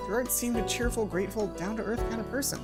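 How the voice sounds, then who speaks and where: A young man with a high-sitting voice speaks fast as he hosts a let's play, reading a visual novel aloud and tossing in casual commentary. He's in a small room at home, with game music in the background.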